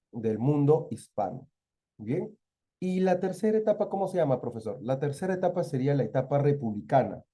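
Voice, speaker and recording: Lively Peruvian male teacher, mellow tone. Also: mid-range voice. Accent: Peruvian Spanish. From Peru. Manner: lively, asks students questions and answers them himself. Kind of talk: exam-prep literature lesson.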